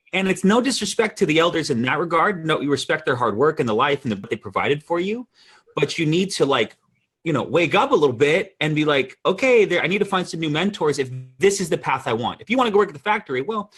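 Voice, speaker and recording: A man's voice: a little high, fairly bright tone, breathy edge. A man co-hosting a casual livestream chat, emphatic and prone to repeating words. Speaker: co-host.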